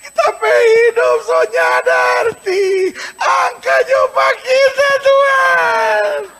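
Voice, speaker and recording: A man voicing a biblical man crying out to God in a Manado accent, wailing and sobbing as he shouts. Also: extremely high pitch, fairly even intonation, slow, vocal fry, some chatter behind, pitched above the performer's own voice, full character voice. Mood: sobbing plea. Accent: Manado Malay.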